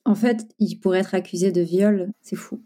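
A woman's voice: medium pitch, normal speed, dark tone. A woman hosting an interview podcast, adding short supportive remarks. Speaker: podcast host.

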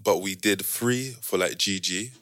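A man with a London roadman accent hosts in a casual, halting way, often doubling back on his words. His voice sits on the low side and sounds dry and close. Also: fairly bright tone, no echo. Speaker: podcast host. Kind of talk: casual podcast introduction.

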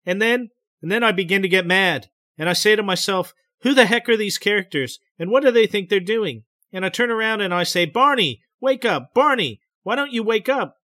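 A man's voice: high voice, brisk, a bit bright, no room sound, clean studio sound, voice pushed up. A man voicing a frightened woman who recalls an abduction under hypnosis, tearful and pleading.

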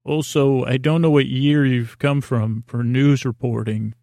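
A male podcast host improvises a silly bedtime monologue in a mellow, mid-range voice full of creak and fry, unhurried and steady in tone. He meanders, repeats himself, trails off into tangents and addresses an imagined listener. The sound is very dry, with no room around the voice.

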